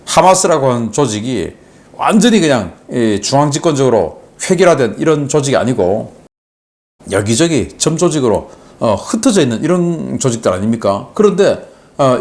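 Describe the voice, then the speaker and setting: A man's voice: fairly high pitch, darkish tone. A man hosting a defense affairs channel, giving casual spoken commentary in an explanatory way. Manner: explanatory, often starts phrases with a drawn-out "자".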